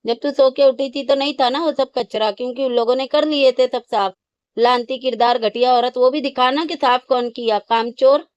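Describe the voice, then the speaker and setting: A woman's voice: high voice, steady tone, normal speed, hardly any pauses, a little mellow, clean tone, dry recording, dull audio. A woman giving angry, sarcastic commentary on a vlog, scolding and insulting the people in it as she reacts. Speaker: reaction channel host.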